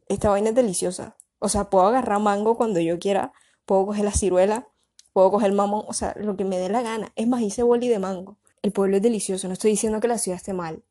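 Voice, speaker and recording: A young woman with a Colombian Caribbean coastal accent, chatting casually and explaining things in a lively, colloquial way. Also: medium pitch. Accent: Colombian Caribbean (costeño). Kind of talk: casual chat.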